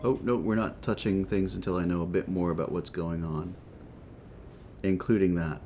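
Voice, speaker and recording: A man's voice: sits low, steady tone, normal speed, warm tone, soft background music. A man doing casual let's play commentary, thinking aloud, with a whistling s from a chipped tooth. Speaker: gaming host.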